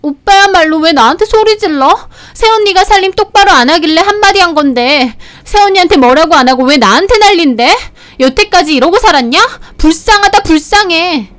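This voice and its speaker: A woman voicing a bratty, sharp-tongued young sister-in-law who whines and shrieks. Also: sits high, expressive, brisk, few pauses, no room sound, pitched above the performer's own voice. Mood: shrill whining.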